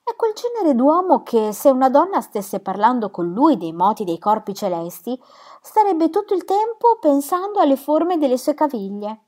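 A woman's voice: high voice, sing-song, moderate pace, dark tone, pitched above the performer's own voice. A woman reading aloud, voicing a proud young woman artist who speaks frankly and emphatically. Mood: indignant.

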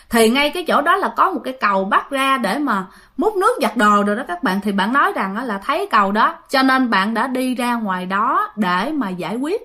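A woman's voice: sits high, bright, forceful tone. A woman with a Southern Vietnamese accent telling a ghost story in a chatty way, often turning to her listeners. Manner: chatty, addresses listeners directly with many fillers.

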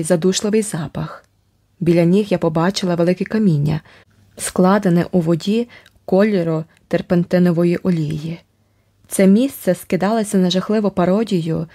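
A woman reads an audiobook aloud in the first person, in a mellow, somewhat low voice. Her delivery is expressive and dramatic and follows the tension of the story. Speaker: audiobook narrator.

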